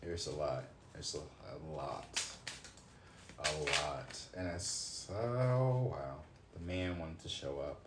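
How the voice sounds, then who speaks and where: The speaker is a twenty-something man doing a card reading on stream, ranting in a relaxed way with curses and abrupt exclamations as he thinks aloud. He has a bass voice, expressive but slow. The recording is very noisy, in an echoey room with faint ambience.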